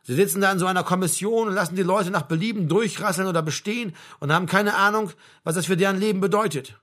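A man's voice: high-pitched, fast talker, a bit bright, pitched above the performer's own voice. A man voicing an irritated, defiant young male patient who argues back in an indignant tone. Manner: indignant, argumentative.

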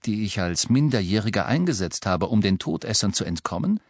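A man's voice: on the low side, animated, fairly quick, no room sound. A man voicing a bitter, earnest teenage boy wizard in an audiobook. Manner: earnest, sarcastic.

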